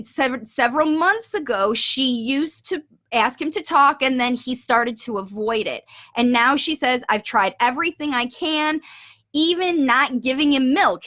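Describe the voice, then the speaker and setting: A middle-aged woman speaks into her webcam from a home office, reading out parents' questions and explaining her answers patiently. Her voice is bright and sits a little high, and she pauses now and then to correct what she reads. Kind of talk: video Q&A, reading parent questions aloud and commenting. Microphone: webcam on a video call.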